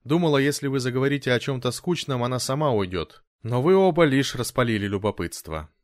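A man voicing a young woman, polite, apologetic, soft, audiobook, dry sound. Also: medium pitch, expressive, a little fast, dry recording, pitched above the performer's own voice, natural voice.

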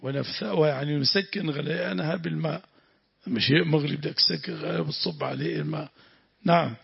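A man's slightly high, husky, creaky voice moves a little fast as he gives classroom commentary on a Quran exegesis text being read. With a Lebanese accent, he repeats the reader's words, explains, and quizzes students; the recording is dull and lo-fi.

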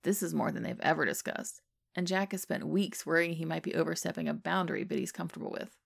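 A woman reading a fan fiction story aloud as narration in a steady, even way. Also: low-pitched, quick pace, creaky, no echo. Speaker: podfic reader.

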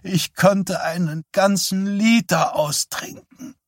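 A man voicing a frail old mother dying after a stroke, her voice dry, rough and rattling, whining and fading to a whisper. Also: high voice, slow, dry recording, voice pushed up. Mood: weak, whining. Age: older.

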